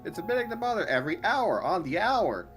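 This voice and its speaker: Eager caretaker in a game, read aloud by a player, cheerful, earnest, lively swooping pitch, faint music behind. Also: fast, close to an everyday voice. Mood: cheery. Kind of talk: reading game dialogue aloud.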